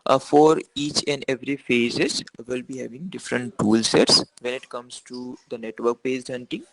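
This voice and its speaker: Gravelly-voiced male instructor on a call. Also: medium pitch, flat delivery, moderate pace, fairly bright tone, rough recording. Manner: hesitant, many fillers and restarts. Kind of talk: online class Q&A. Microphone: video call.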